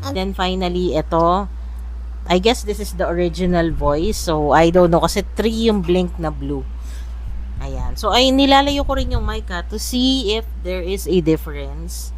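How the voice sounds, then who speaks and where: A woman with a Filipino accent gives a casual gadget demonstration as a product reviewer, chatty and mixing two languages. Her voice is lowish and a little slow. The room is noisy, with a steady hum from an air conditioner or fan.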